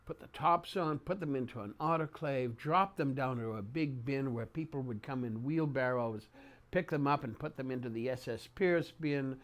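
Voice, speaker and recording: An older man reminiscing in an oral-history interview, speaking haltingly with repeated words and pauses mid-sentence. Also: medium pitch. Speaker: interviewee recounting memories.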